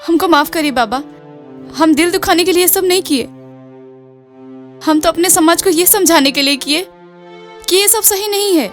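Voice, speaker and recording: A woman's voice: very high-pitched, normal speed, long pauses, faint music behind. A woman playing an earnest village girl. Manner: earnest, rustic dialect, laughs easily. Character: determined village girl grown into art teacher.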